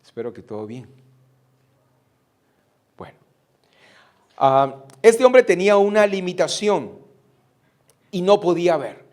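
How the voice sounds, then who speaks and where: High-voiced pastor preaching. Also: male voice, sing-song, slow pace, long pauses, darkish tone. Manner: preaching with rhetorical questions to the congregation. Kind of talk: sermon.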